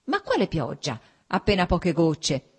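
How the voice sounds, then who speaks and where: A woman's voice: fairly low pitch, wildly swooping pitch, unhurried, breathy edge, full character voice. A woman reading aloud, voicing a cheerful young male landowner who speaks eagerly and in exclamations. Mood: exuberant.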